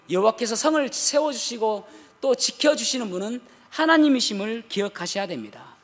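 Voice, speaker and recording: A man preaching a sermon as pastor, animated, with humorous asides to the congregation. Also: high-pitched. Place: church sanctuary. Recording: long church hall reverb.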